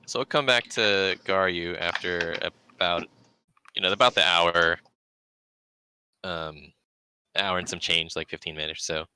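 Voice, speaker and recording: A man playing a tabletop role-playing game in casual chat, laughing often and halting with many fillers. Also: deep voice, steady tone, sharp tone, a little hiss or hum.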